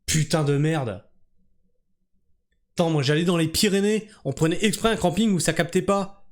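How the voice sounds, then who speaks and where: A man's voice: fairly high pitch, normal speed. A man reading a news article aloud and breaking off into sarcastic, profane rants about it. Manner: sarcastic, profane, exasperated asides. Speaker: commentator reacting to a news article.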